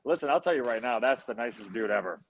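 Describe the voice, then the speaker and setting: A man telling hockey stories in casual chat, animated and slangy, repeating himself as he goes. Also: medium pitch, fast, a little hiss or hum, rough recording. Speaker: former hockey player guest.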